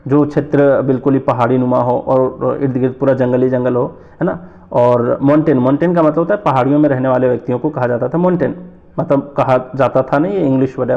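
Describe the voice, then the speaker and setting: A man from North India teaching an exam-prep lesson, explaining slowly, repeating terms and asking rhetorical questions. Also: medium pitch, gravelly, phone-quality sound.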